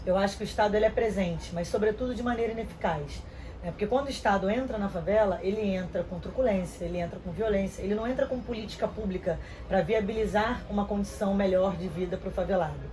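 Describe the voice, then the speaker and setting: A woman's voice: medium pitch, warm tone, a little hiss or hum, rough recording. Earnest woman in her thirties. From Rio de Janeiro, Brazil. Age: 30s. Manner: earnest, measured, with hesitant restarts. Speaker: interview guest. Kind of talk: reflective interview answers.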